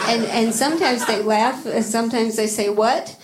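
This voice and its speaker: A woman doing a stand-up comedy set, rambling and self-deprecating, with halting restarts and crowd work. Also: on the high side, very noisy. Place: comedy club stage. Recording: echoey club with loud crowd laughter. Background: audience laughter.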